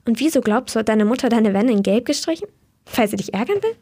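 A woman's voice: on the high side, expressive, fast talker, warm tone, slightly rough. A young woman reading as a blunt cheerful teen girl. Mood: frank. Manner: frank, upbeat.

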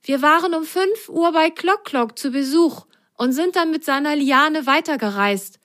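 A woman's voice: sits high, measured pace, a bit bright, pitched above the performer's own voice. A woman voicing a bold, adventurous little sock in a children's story, eager and polite.

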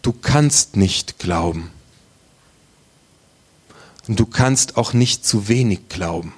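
Slow and husky, a man's lowish voice carries lively intonation as he preaches a testimony sermon. He shares the story of his faith with earnest intimacy, occasionally lowering himself to an almost whispered hush.

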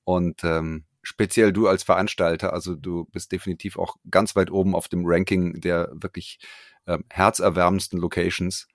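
A man, a performer answering interview questions over a remote call, relaxed and hesitant with many fillers. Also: low voice, normal speed, no room sound, clean studio sound. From Frankfurt, Germany. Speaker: guest, a cappella performer. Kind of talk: casual interview.

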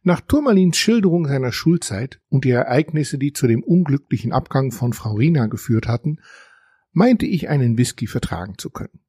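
A man in his sixties from the Netherlands with a Dutch accent, reading his own children's story aloud in German in a calm, wry first-person way. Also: medium pitch, moderate pace, breathy edge, no echo, clean studio sound. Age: 60s. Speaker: author and narrator.

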